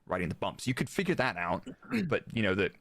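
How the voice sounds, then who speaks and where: Very animated and fairly quick, a former Formula 1 performance engineer speaks as a guest expert in a live interview, explaining motorsport's technical side informally and illustrating with quoted remarks. His voice is on the low side and a bit bright, with no echo.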